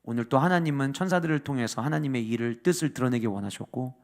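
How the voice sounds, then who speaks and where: A man preaching a sermon as pastor. He rises to loud, emphatic peaks and drops to hushed asides. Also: mid-range voice, fast.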